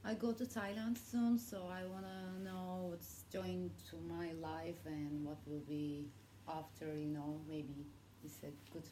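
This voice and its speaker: A woman's voice: lowish voice, level tone, a little slow, warm tone, slight background noise, rough recording. A woman in an audience asking a question in informal, simple wording.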